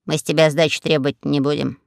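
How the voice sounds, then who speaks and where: A man doing a hoarse, brash parrot. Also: a little high, little pitch movement, fast talker, no echo, studio quality, voice pushed down. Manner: brash, cheeky. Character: bold, rude male parrot.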